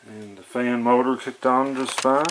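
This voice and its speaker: A hobbyist shows how he fixes a piece of electronics, speaking off the cuff in a folksy, halting way as he works things out aloud. His voice is medium-pitched and fairly even, with a measured pace, and clicks and noticeable noise sit in the background.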